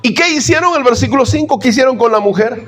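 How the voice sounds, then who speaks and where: A man's voice: very high-pitched, expressive, fast, fairly bright tone. A man, a pastor preaching a sermon in church. He preaches emphatically, firing rhetorical questions at the congregation and calling them brothers.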